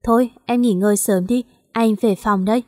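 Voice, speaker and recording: A woman voicing a gentle, kind young man, an older brother, in an audio story. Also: fairly high pitch, fairly even intonation, moderate pace, dry recording, studio quality, lightly acted.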